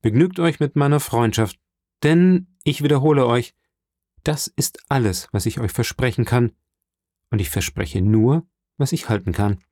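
A man's voice: a little slow, a little mellow, no room sound, studio quality, close to an everyday voice. A man reading an audiobook, voicing a poor but proud young woman in a raised, earnest voice. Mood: earnest, pleading. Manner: raised pitch, earnest pleading tone.

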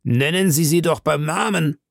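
A man putting on a gruff, gravelly harpooner. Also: fairly high pitch, normal speed, no room sound, studio quality, pitched above the performer's own voice. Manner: blunt, impatient retorts. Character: gruff male harpooner, blunt and hearty. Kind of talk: audiobook character voice.

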